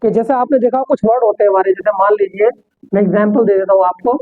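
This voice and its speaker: A man's voice: high voice, steady tone, fast. A man teaching an English class, explaining step by step and answering his own rhetorical questions. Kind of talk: classroom lecture. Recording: tinny phone-like sound.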